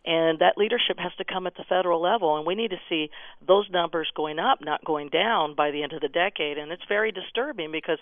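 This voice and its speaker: A woman's voice: on the low side, a little fast, no echo. Earnest woman calling in on a tinny phone line, dry sound, keeps restarting. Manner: earnest, insistent, many restarts. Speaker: radio guest. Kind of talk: radio panel discussion.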